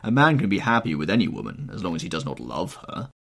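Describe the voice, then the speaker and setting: A man voicing a cynical aristocratic gentleman in an audiobook, drawling out languid epigrams. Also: deep voice, big pitch swings, fast, creaky, heavily acted. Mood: wry.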